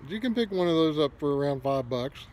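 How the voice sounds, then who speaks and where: A man's voice: on the high side, fairly quick, rough recording. Middle-aged man talking around his pipe. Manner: relaxed, rambling, folksy. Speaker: pipe smoking vlogger. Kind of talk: casual vlog talk to camera.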